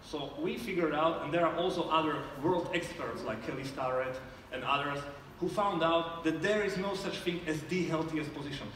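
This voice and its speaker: A man's voice: on the high side, moderate pace, few pauses, fairly bright tone, slight background noise. A man, a startup founder answering judges' questions on a theater stage, hesitant with many fillers and restarts. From Slovakia. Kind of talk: live pitch Q&A on stage. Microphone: far camera in the audience. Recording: echoey hall from far off.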